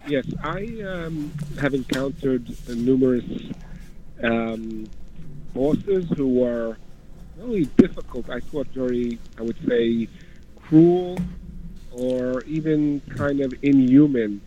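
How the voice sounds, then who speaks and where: A man calling in to a radio show by phone, telling a personal account in a halting, hesitant way. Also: medium pitch, warm tone. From Queens, New York. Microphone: telephone. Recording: dull, band-limited phone line.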